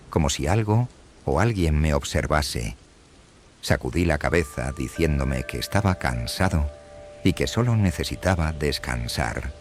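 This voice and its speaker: A man narrating a scripted first-person horror story in a hushed, creeping, suspenseful manner. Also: rumbling low. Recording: music behind the voice. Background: background music.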